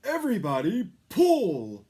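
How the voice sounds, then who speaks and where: A man voicing a hearty, jolly old Santa for a children's storybook, with booming, drawn-out exclamations. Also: huge pitch swings, mellow, breathy edge, exaggerated voice. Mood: hearty, rallying. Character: jolly, hearty old male Santa Claus, cheerfully reassuring.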